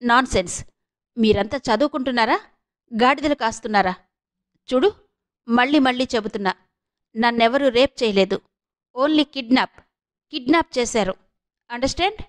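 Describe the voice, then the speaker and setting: Brief: a woman doing a furious young woman, sharp and indignant, high voice, storybook reading. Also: normal speed, long pauses, natural voice. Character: fierce defiant young woman wronged.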